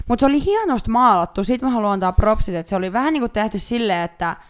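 A woman's voice: a little high, animated. A young woman co-hosting a podcast, telling long rambling stories in casual chat with lots of fillers. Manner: rambling, chatty storytelling with many fillers. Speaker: podcast co-host.

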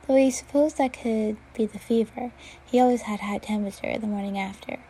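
A woman reading a fan fiction chapter aloud at a steady pace, now and then stumbling and restarting a word. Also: a little high, fairly quick, breathy edge, rough recording. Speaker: reader.

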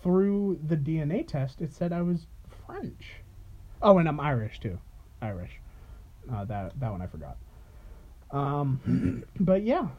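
Lively jokey guy on a podcast, bouncy pitch, a bit muffled. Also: measured pace. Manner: joking, swearing, teasing. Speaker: podcast co-host. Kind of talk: casual chat. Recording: dull lo-fi sound.

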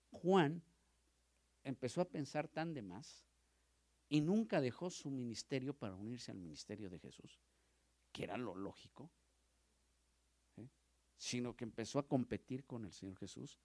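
A man teaching a Bible study as a pastor, animated, asking his listeners questions, dropping to near-whispers and rising loud when he acts out quotes. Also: mid-range voice, no room sound. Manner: asks the audience questions, repeats words.

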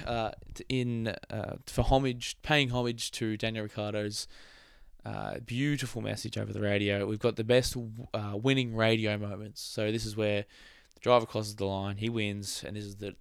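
A man's voice: lowish voice, clean tone, dry recording. A young man hosting a casual motorsport podcast, chatty, laughing often and trailing off mid-thought. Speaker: podcast host.

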